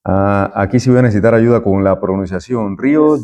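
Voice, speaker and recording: A man's voice: fairly low pitch, steady tone, brisk, darkish tone, slight background noise. Friendly man taking class roll. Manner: friendly, chatty, jokes with students. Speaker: university lecturer. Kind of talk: classroom roll call and lecture.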